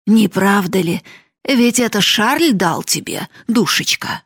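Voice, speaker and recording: A greedy old miser of a father coos sugary pet names in a slow, husky voice, as a woman reader puts him on. The sound is dry and close, with no room around it. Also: medium pitch, lively intonation, no room sound, full character voice. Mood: wheedling. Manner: coaxing, syrupy endearments.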